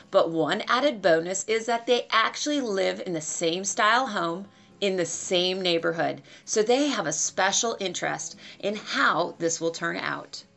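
A woman in her forties, a realtor, presenting a home renovation series to camera in a clear, upbeat scripted style from a house under construction. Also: medium pitch, a bit bright.

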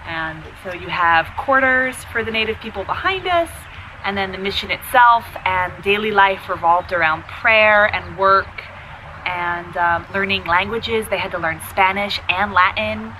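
A woman's voice: mid-range voice, a little slow, sharp tone, slight background noise. A woman in her thirties vlogging on a rainy day, explaining history in an easy conversational way, recorded on a handheld camera. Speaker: travel vlogger. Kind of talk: casual travel vlog narration. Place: outdoors at historic missions on a rainy day, also inside a stone chapel.

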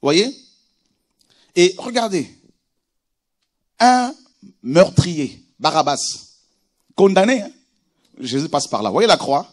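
A man preaching a sermon with animated delivery, moving from quiet scripture reading to shouted exclamations. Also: high voice, slow pace, pauses often. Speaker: pastor.

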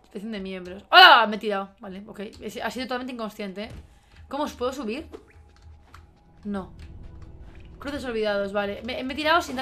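A young woman with a Spain Spanish accent giving live gameplay commentary, excitable and exclamatory, swearing often. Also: a little high. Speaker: game streamer. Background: faint game music.

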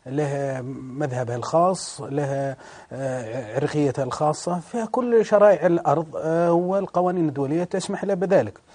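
A male studio guest gives political commentary in a measured, halting way, with many fillers. His voice is husky and dark. He sits slightly high in pitch.

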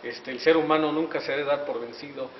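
A community TV reporter, a middle-aged man, warmly congratulates the guests he interviews in an indoor wood-paneled auditorium hallway, using lots of fillers and holding a handheld mic. His fairly high voice stays steady at a fairly quick pace. Slight background noise, echo, and a dull, distant quality mark the audio.

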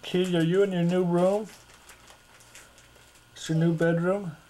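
A woman's voice: fairly low pitch, steady tone, unhurried, mellow, poor audio. A woman in a casual home video, asking a small child playful, teasing questions.

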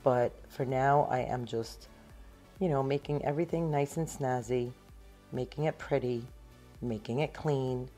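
A woman in her thirties talks through her housework in a clean-with-me vlog, upbeat and matter-of-fact as she explains each step. Her voice sits unusually deep for a woman. Soft music plays faintly under her words in a small home. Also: a little slow. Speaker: cleaning vlogger. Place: small home, living room and pantry.

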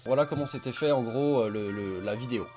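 A man's voice: mid-range voice, fast, music in the background. Rambling crude YouTuber man. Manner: crude, rambling, full of fillers. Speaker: YouTuber host. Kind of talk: casual chat commenting on videos.

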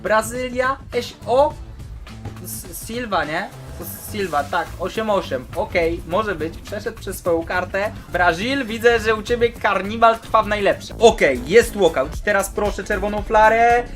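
A man with a hoarse, sore throat giving eager, exclaiming commentary as a gaming channel host. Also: high voice, a little slow, fairly bright tone, faint music behind. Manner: eager, exclaims at each card. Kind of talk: excited pack-opening commentary.

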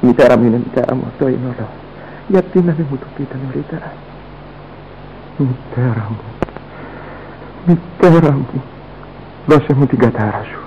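A man's voice: mid-range voice, pauses often, highs cut off, a little hiss or hum, close to an everyday voice. An actor playing a young man who is a horrified, grieving son, speaking in anguished, pleading outbursts. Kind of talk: theatrical radio drama acting.

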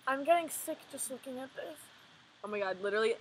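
A young woman vlogging with a friend in casual chat, expressive and slangy, squealing and laughing. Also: high-pitched, quick pace, heavy background noise.

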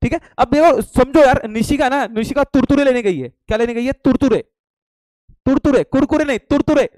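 Young male tutor, high voice, dry close sound, jokey, quizzes his live class. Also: fairly quick, darkish tone, no echo. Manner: playful, teasing, quizzes students and answers himself; mixes English phrases into his talk. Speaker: online commerce tutor. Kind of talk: live online lecture with jokes.

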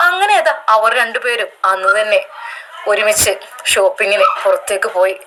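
A woman's voice: mid-range voice, lively intonation, moderate pace, bright, forceful tone, a little hiss or hum, rough recording. A woman with a Malappuram accent narrating a moral story in a dramatic telling style. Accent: Malappuram Malayalam. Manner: dramatic, repeats "and then, look".

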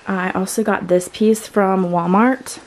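A woman's voice: mid-range voice, steady tone, unhurried, noisy background. Chatty woman vlogger with a sore throat. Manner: chatty, many "like" fillers. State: sore throat, cough drop in mouth. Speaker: lifestyle vlogger. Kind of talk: casual chat. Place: home guest bedroom.

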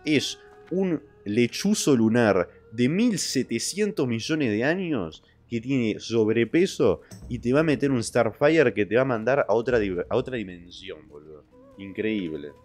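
A young man with an Argentine accent, chatting casually on a livestream, reading viewer messages and joking crudely with loud outbursts. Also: medium pitch, lively intonation, measured pace, soft background music. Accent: Argentine Spanish. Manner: crude, joking, trash-talking; loud outbursts and sudden drops to a mutter. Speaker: streamer.

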